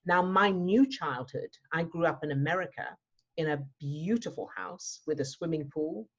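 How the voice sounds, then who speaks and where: A husky, deep-voiced woman from South Africa talks at normal speed. She works as a mindset coach and answers workshop questions in a teaching Q&A, repeating words as she thinks, with dull lo-fi sound.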